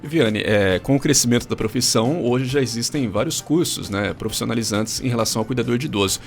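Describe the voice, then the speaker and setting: A man with a Brazilian Portuguese accent hosting a radio show, asking a guest questions and giving the listener contact line briskly. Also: medium pitch, creaky, soft background music. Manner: brisk, announces the show's contact details. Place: radio studio.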